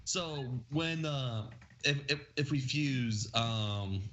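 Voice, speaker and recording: A man's voice: mid-range voice, drawn-out words. A man co-hosting a casual fan discussion, often stumbling over his words and restarting. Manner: stammering restarts, animated. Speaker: podcast co-host.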